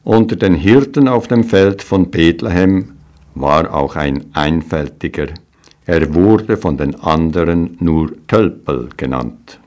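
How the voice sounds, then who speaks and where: A man reading a storybook aloud in a calm, measured way. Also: sits low.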